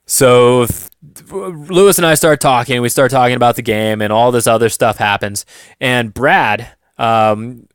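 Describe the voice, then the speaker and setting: A man's voice: mid-range voice, a bit bright, clear, resonant tone, no echo, clean studio sound. A young man casually recapping a tabletop game, chatty and self-deprecating, laughing often. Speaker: tabletop game channel host.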